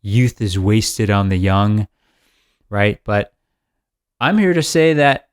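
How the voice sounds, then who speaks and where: A podcast co-host in his mid-thirties chats casually in an upbeat, rambling way, laughing often. His lowish voice is expressive, slow, clear and resonant, captured at studio quality with no echo.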